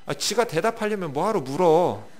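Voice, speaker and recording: Male pastor, high and very animated sermon voice, loud-soft contrasts, talks with the pews. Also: moderate pace. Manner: lively, swings between loud bursts and quiet asides, talks with the congregation.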